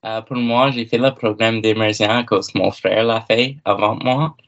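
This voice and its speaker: A man's voice: on the low side, steady tone, normal speed, a bit bright. A young man from Cape Breton Island, an English speaker and university student, speaking plainly and earnestly. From Cape Breton Island, Canada. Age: young adult. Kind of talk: casual discussion. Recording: dull lo-fi sound.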